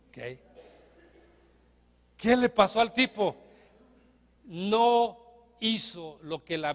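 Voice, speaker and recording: A man's voice: high-pitched, a bit bright, in a large hall. A man with a Mexican accent, a pastor giving a sermon in a conversational way, often asking the congregation questions. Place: church.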